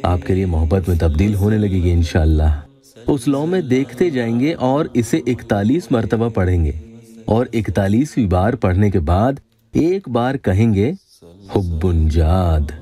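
Low, mellow-voiced man narrating religious instruction. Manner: calm, measured instruction with slow Arabic recitation. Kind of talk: scripted voice-over narration. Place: voice-over studio.

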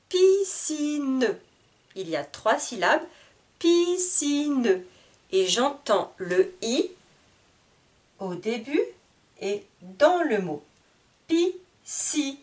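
Woman teacher, slow reading lesson, lively high pitch, splits each word into syllables. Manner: spells out words syllable by syllable, repeats each word. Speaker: French teacher. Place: classroom with whiteboard.

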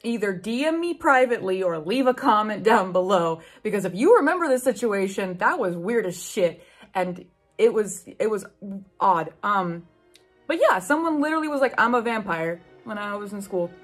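A book YouTuber in her twenties reads aloud in a small room at home lined with bookshelves, reacting with casual, sweary, incredulous commentary. Her mid-range voice is sing-song at a normal speed, with soft music playing in the background.

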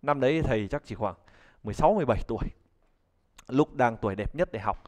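A man's voice: mid-range voice, lively intonation, fast, darkish tone. A man, teaching a live online pronunciation class in a chatty, joking way and calling on students to answer. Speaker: English teacher.

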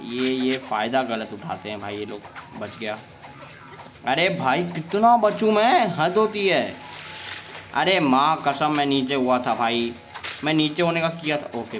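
A young man with a sore throat giving excitable live commentary while playing a fighting game, often bursting into exasperated complaints. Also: medium pitch, slight background noise. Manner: excitable, frequent exasperated outbursts. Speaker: gameplay streamer.

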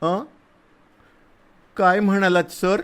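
A man voicing a timid, frightened little girl who speaks in halting, tearful answers. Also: high voice, little pitch movement, fairly bright tone, clear, resonant tone, pitched above the performer's own voice. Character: small frightened girl refugee.

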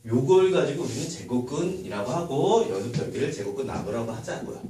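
Lively male math teacher, echoey room. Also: medium pitch, fairly quick. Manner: lively, asks many rhetorical questions. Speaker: middle school math teacher. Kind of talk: classroom math lecture. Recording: echoey room, far from mic, faint noise.

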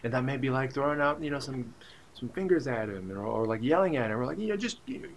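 A man's voice: medium pitch, animated, quick pace, a little hiss or hum. A young man casually telling a story to his vlog camera, rambling and musing with many asides and fillers. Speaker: vlogger.

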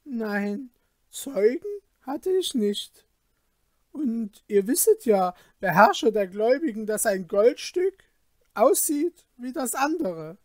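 A man voicing a frightened, lying male merchant in a read-aloud fairy tale, with a high, pleading, shaken voice. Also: big pitch swings, slow, a little mellow, dry recording, studio quality, full character voice. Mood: defensive.

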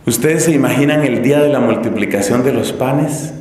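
A man's voice: medium pitch, normal speed, a little mellow. A man from Colombia preaching a teaching sermon, telling stories dramatically and acting out the voices of crowds and characters. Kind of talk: classroom sermon. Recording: echoey hall with long reverb.

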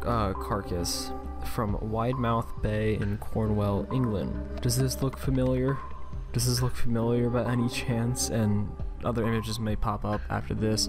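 A man with a slightly low, very creaky voice hosts a casual online commentary. He talks in loose, rambling asides. Music is clearly heard behind his voice. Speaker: YouTube channel host. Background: background music.

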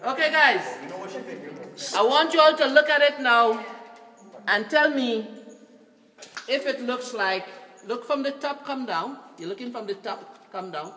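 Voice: medium pitch, unhurried, pauses often, bright, forceful tone, a little hiss or hum. A tour guide leading a group through a cave, giving instructions and repeating directions, recorded from a visitor's camera. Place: inside a dark cave. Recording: echoey cave from far off.

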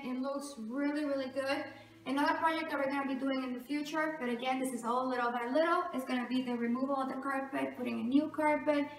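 Standing in the hallway and stair landing of a large two-storey house, a high-voiced woman who vlogs about home renovation talks casually to the camera on a tour of her home. The camera microphone is a few metres off, leaving the audio distant and very echoey.

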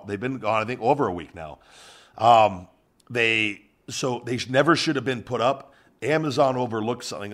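Low-voiced man in casual podcast chat. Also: fairly bright tone. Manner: loose, rambling, drops into goofy put-on voices. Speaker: podcast host.

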